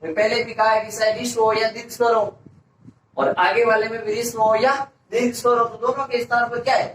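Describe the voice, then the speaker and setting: A man's voice: very high-pitched, little pitch movement, fairly quick, fairly bright tone. A male teacher giving a grammar lesson, asking a question and answering it himself, repeating each answer. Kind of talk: classroom-style grammar lesson. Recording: echoey room, voice from a distance, faint hiss.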